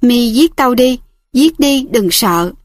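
A woman's voice: a little high, expressive, takes it slowly, dry recording, clean studio sound. A woman reading aloud as a grieving older village man who speaks bluntly and commandingly, in an audiobook style. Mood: stern.

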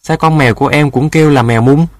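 A man's voice: a little high, fast, no echo, studio quality, pitched above the performer's own voice, lightly acted. Man playing an eager, naive little boy. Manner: eager, innocent questions. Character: curious, naive little boy searching for pets.

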